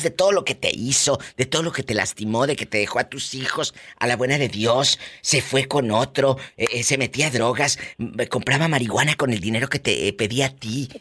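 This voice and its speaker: A man's voice: medium pitch, lively intonation, a little fast, hardly any pauses, bright, forceful tone. A Mexican man hosting a talk show, playful and theatrical, repeating his phrases with emphasis. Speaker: show host.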